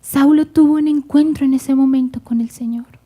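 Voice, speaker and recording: A woman's voice: high voice, steady tone, moderate pace, dark tone. A woman preaching a sermon, speaking fervently and addressing the congregation directly.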